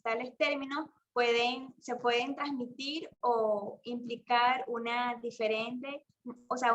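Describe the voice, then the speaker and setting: A young woman reading a class presentation aloud haltingly, correcting herself as she goes. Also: on the high side, fairly bright tone, a little hiss or hum. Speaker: university student presenting.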